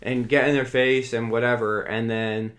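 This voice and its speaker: A young man holds forth on his own commentary podcast in a loose, ranting manner, his sentences stumbling through repeated "like" fillers. Now and then he reads a news passage aloud before jumping back into his own take. His voice sits at an ordinary middle pitch for a man. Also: flat delivery, moderate pace, a bit bright. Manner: ranting, heavy use of "like" fillers. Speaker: podcast host.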